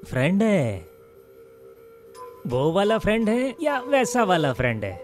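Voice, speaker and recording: A nosy middle-aged landlord in a Hindi film dub, nagging with sarcasm. His tone swings lively and sits a little high, with film music behind him. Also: unhurried, exaggerated voice. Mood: needling.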